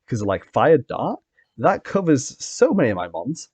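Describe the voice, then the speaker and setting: A man's voice: mid-range voice, wildly swooping pitch, unhurried, darkish tone, breathy edge, no room sound. A man hosting a casual recap and predictions chat, talking as a player himself. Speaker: podcast host and competitive player.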